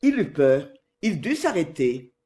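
An audiobook narrator reading a novel in scripted narration, with an expressive literary delivery. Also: mid-range voice, unhurried.

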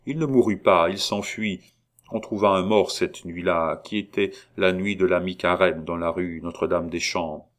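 A man reading aloud, voicing a guilt-haunted aristocratic count who confesses in halting, agitated bursts. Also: low-pitched. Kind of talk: audiobook reading.

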